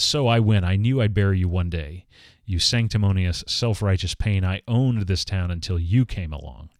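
A man's voice: sits low, darkish tone, no room sound, close to an everyday voice. A man reading out the monologue of a ruthless, gloating male villain tycoon, with a boastful and spiteful delivery.

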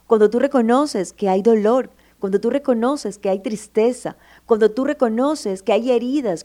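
A woman's voice: mid-range voice, mellow. A woman giving motivational advice to her listener. She talks with affection, calls the listener "my love", and stresses her points with feeling. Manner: emphatic, acts out listener's inner doubts. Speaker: advice speaker.

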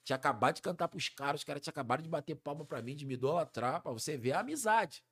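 Rio funk singer in his 40s, podcast guest, rapid-fire slangy storytelling, fairly high voice. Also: expressive, a bit bright. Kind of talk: storytelling in a casual podcast chat.

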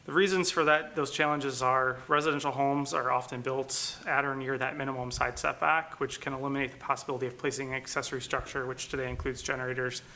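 A man's voice: medium pitch, flat delivery, fast talker, few pauses, pushed and bright. A man working as city staff, speaking formally at a public meeting into a room microphone. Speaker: city planning staff presenter. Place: council chamber meeting room. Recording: meeting room mic, faint noise.

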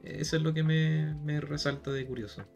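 Chilean man, Chilean Spanish accent, insistent debater, somewhat high voice, faint music. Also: fairly even intonation, moderate pace, gravelly, a little mellow, muffled recording. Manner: insistent, repeats himself. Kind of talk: casual debate chat.

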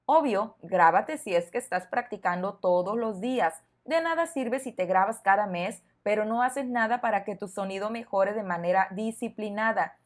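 A woman hosting a podcast lesson for learners, speaking clearly and encouragingly to the listener. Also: mid-range voice. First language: Spanish. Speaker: Spanish teacher, podcast host.

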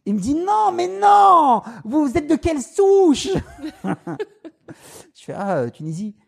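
Here the Parisian-suburb guest's voice sounds very high, a little slow and full of vocal fry. Telling stories casually, he stays animated, laughing often and doing impressions of others' voices.

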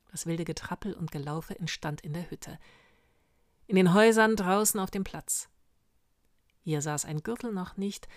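Slow, low-voiced woman storyteller. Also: no echo, clean studio sound. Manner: slow, dramatic storytelling with hushed passages. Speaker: narrator. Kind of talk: audiobook narration.

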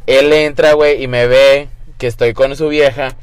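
A man's voice: medium pitch, flat delivery, moderate pace, clean tone, no room sound. Campy young man telling a crude story. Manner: camp, crude slang, mixes English and Spanish. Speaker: guest storyteller. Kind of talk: casual storytelling.

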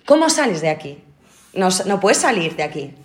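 A woman's voice: on the low side, very animated, normal speed. A young adult woman co-hosting a podcast, chatting casually with emphatic, teasing banter. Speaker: podcast co-host. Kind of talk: casual chat.

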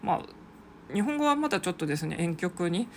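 Polite, rambling podcaster with vocal fry. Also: mid-range voice, big pitch swings, moderate pace, a little hiss or hum. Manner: polite, rambling, frequent 'desune' fillers. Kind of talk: casual solo podcast monologue.

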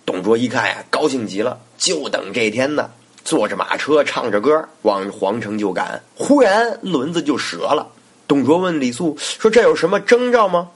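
A man's voice: mid-range voice, lively intonation, moderate pace, husky. Chatty male storyteller. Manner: chatty, colloquial. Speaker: storyteller and podcast host. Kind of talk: casual storytelling narration.

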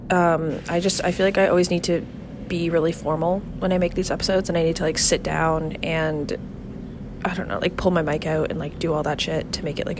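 A woman in her twenties hosts a casual solo podcast from an outdoor apartment balcony, where background noise can be heard. Her voice is fairly low and a bit nasal and congested from a cold. She rambles, using lots of fillers, and laughs and swears often.

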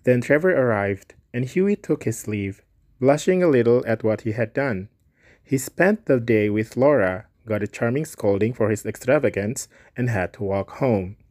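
A man's voice: mid-range voice, normal speed, a little mellow. Man reading a story aloud. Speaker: story reader.

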